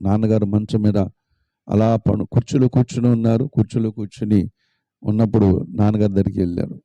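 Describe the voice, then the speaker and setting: A man's voice: lowish voice, fairly even intonation, fairly quick, creaky, mellow, no room sound, muffled recording. A man preaching a sermon as a pastor, retelling a story emphatically with lots of repetition.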